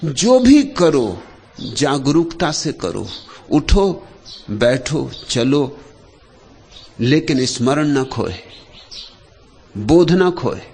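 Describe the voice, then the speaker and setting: Slow, lilting man giving a spiritual discourse. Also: sing-song, slight background noise. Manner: pausing between short phrases, dropping low and soft at the ends of thoughts. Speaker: spiritual speaker.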